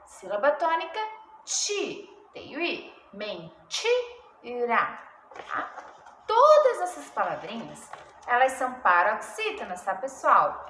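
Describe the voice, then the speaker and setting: A woman teacher reading a story and explaining a grammar lesson, talking slowly with many questions to her pupils. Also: high-pitched, huge pitch swings, fairly bright tone. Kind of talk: recorded remote class lesson, story reading. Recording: echoey room with faint background noise.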